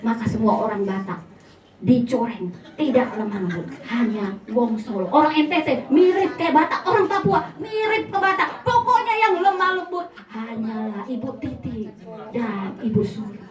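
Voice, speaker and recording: A high-pitched woman pastor preaches with lively, playful humor, slipping into small comic voices. She sounds a little way off from the mic, and her voice rings through an echoey church hall over a faint room hum. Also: normal speed, far from the mic. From North Sumatra, Indonesia. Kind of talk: sermon.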